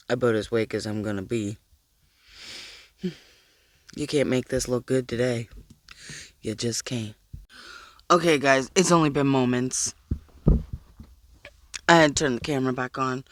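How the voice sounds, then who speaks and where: A woman's voice: very deep voice, a little slow, long pauses, no room sound, clean studio sound. A sleep-deprived woman vlogging from inside a car, giggly and rambling as she talks to herself. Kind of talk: casual vlog talk.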